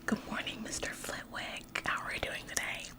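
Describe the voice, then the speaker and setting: In a whispered ASMR roleplay, a woman plays an overeager, officious office worker who behaves as if she's the boss, sounding chirpy, fussy and politely bossy. Her mood is eager and fawning, and she speaks at a moderate pace in a natural voice.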